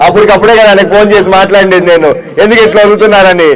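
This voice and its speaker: A man, a local politician chatting with villagers outdoors in a teasing, brisk way, promising help. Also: high-pitched, fairly even intonation, a crowd in the background. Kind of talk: casual talk with villagers.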